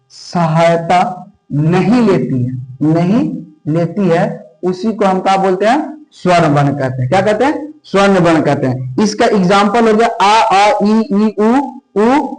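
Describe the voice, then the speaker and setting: A man teaching a grammar lesson for exam students, his voice sitting high for a man. He repeats each term and answers his own questions in a steady drilling rhythm. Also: rough recording. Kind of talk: classroom lesson explanation.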